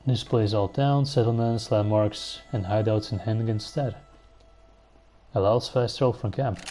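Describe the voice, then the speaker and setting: Mellow-voiced man narrating his gameplay. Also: fairly low pitch, moderate pace, soft background music. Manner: relaxed, musing aloud while playing, answering chat. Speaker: live-stream gamer. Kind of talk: casual gameplay commentary.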